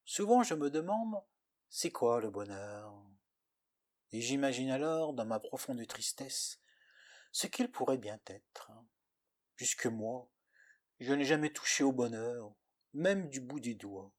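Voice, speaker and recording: A man's voice: medium pitch, lively intonation, slow pace, pauses often. A man narrating a poetic story in the first person with a dramatic, lyrical delivery.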